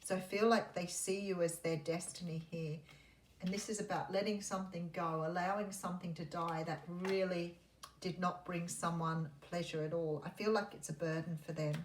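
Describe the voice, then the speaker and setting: A woman giving a mystical tarot horoscope reading, speaking in an intuitive, musing way with pauses as she works through the cards. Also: fairly low pitch, steady tone. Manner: intuitive, musing, pausing as cards are turned. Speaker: tarot reader. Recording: roomy echo, faint background noise.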